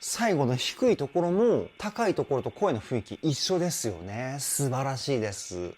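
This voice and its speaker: Lively enthusiastic male vocal coach. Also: medium pitch, moderate pace, faint music behind. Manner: enthusiastic, explanatory, frequent praise. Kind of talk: reaction video vocal analysis commentary.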